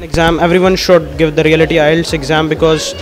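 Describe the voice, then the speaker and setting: A young man answers haltingly in a fairly high voice, cutting off and restarting words. Clear background music runs under his speech. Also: little pitch movement. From India. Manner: hesitant, restarting mid-word. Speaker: student test-taker.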